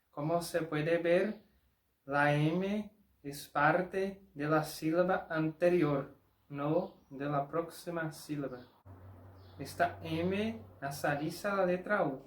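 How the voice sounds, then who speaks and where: Slow, deliberate man. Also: a little high, echoey room, a little hiss or hum, rough recording. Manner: slow and deliberate, spells out and repeats each sound. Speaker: language teacher. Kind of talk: pronunciation lesson.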